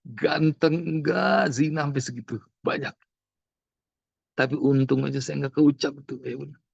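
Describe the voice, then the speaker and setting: Gravelly-voiced man telling a sermon story. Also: medium pitch, normal speed, dry recording, dull audio. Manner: animated storytelling, acting out dialogue. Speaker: preacher.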